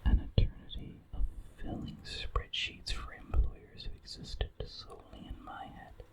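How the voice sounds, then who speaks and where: Someone reading a horror story in an ASMR whisper, very close to the microphone, right in the listener's ear, with measured pauses.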